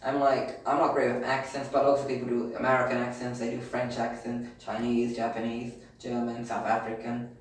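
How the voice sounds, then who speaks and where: A British man with a mid-pitched voice co-hosts a casual podcast debate, circling back and repeating himself as he argues. He is heard from a distance in a very echoing room with a faint hum behind. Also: monotone, moderate pace. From Britain. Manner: rambling, argumentative, repeats himself. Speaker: podcast co-host. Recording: very echoey room, distant mic.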